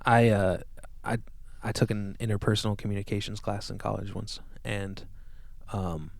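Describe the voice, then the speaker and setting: A man's voice: on the low side, little pitch movement, moderate pace, gravelly, no room sound. Laid-back rambling man. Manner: rambling, laid-back, often trails off quietly. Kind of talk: casual chat.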